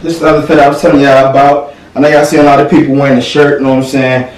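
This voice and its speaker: A man's voice: mid-range voice, little pitch movement, very fast, darkish tone, far from the mic. A young man hosting a casual haul vlog from his room, laid-back and slangy, always asking if you feel him. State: out of breath. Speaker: vlogger. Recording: echoey room, off-mic, faint hiss.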